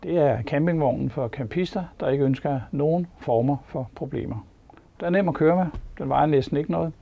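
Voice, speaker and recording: An older man with a gravelly, rather high voice sits inside a caravan and plainly shares his opinion of it in a casual product review. The recording sounds slightly dull.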